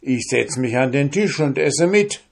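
A man voicing a bold, hungry soldier in a fairy tale, loud and boisterous. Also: mid-range voice, lively intonation, unhurried, creaky, pitched above the performer's own voice. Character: bold hungry male soldier, cheeky and fearless.

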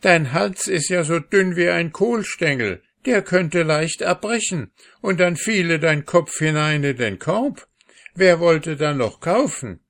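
A man's voice: on the high side, lively intonation, measured pace, a bit bright, pitched above the performer's own voice. A man voicing a bold young market boy who scolds in an indignant tone in a storybook reading. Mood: anxious.

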